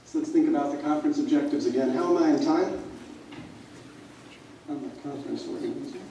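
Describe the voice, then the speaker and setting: A man's voice: on the high side, brisk, heavy background noise. A man speaking as conference organizer, telling stories at a conference and acting out the dialogue in them. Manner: animated storyteller, acting out quoted dialogue. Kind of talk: conference talk with storytelling. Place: conference hall. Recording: echoey hall, voice from far off.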